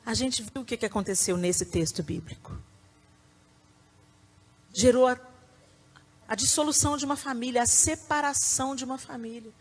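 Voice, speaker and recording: A middle-aged woman with a Brazilian Portuguese accent, preaching to a conference audience with emphatic, animated delivery and sudden loud bursts. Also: a little high, moderate pace, pauses often. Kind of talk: sermon. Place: conference hall before a live audience.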